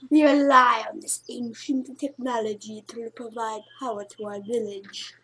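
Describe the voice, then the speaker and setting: A woman's voice: a little high, fairly even intonation, measured pace, a bit bright, breathy edge, voice pushed down, exaggerated voice, poor audio. A woman voicing a mysterious old male druid advisor in a game, with a shaky put-on accent that slides into gibberish. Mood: solemn. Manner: attempted accent, slurred into gibberish.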